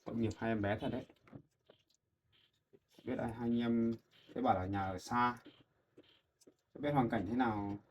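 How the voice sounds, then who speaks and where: A man talking gently and in a fatherly way, coaxing children outdoors by a mountain stream. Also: mid-range voice, fairly even intonation, normal speed, long pauses. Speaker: vlogger. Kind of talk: casual vlog talk. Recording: dull lo-fi sound with faint noise.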